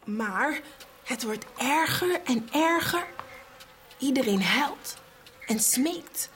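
A woman narrating a children's storybook in an animated, expressive way. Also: high-pitched, very slow, slight background noise.

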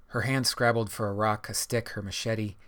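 Low, flat-voiced male narrator. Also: normal speed. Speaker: audiobook narrator. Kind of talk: scripted narration.

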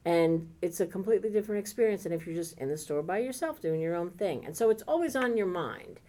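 A woman with a lowish, warm, expressive voice co-hosts a podcast, talking fast and enthusiastically about a favorite book. It's a casual chat of book recommendations, and she rambles happily along.

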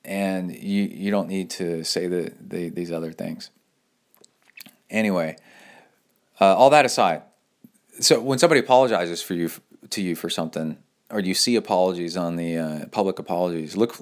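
A man hosting a podcast, telling stories and reading listener email in a loose, rambling, casual way. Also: deep voice. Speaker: podcast host. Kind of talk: casual solo podcast talk.

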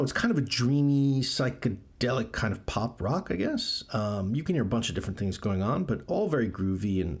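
Gravelly, lively-voiced male podcast host. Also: mid-range voice. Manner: enthusiastic, chatty, with frequent ums. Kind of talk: casual music radio chat.

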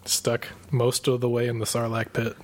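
A man co-hosting a podcast in rambling, joking chat, with a rough sick voice from a cold. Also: medium pitch, completely flat delivery, moderate pace. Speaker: podcast co-host. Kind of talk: casual chat.

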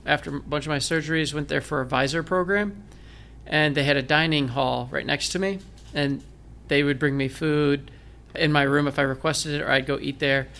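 At a moderate pace and with hardly any pauses, a man delivers his story in a slightly high voice that sounds pushed and bright, its intonation fairly even. He is a blind military veteran from Michigan with a Northern Michigan accent, a guest in a conversational interview who likes self-deprecating jokes.

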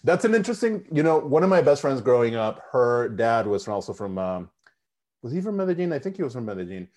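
A man's voice: mid-range voice, big pitch swings, quick pace, a little mellow. A man from Mexico hosting a podcast interview, talking in a casual, candid way with fillers and the odd swear word. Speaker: podcast host.

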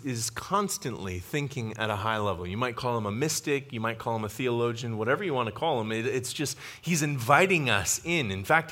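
A man, a pastor, preaching a sermon in a church sanctuary, teaching in an animated way with frequent restarts and asides. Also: lowish voice.

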